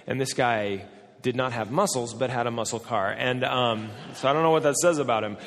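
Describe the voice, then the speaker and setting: A man in his forties, a pastor, preaching a sermon and telling personal stories in an animated, self-deprecating way. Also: medium pitch, fairly quick. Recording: hall with long reverb.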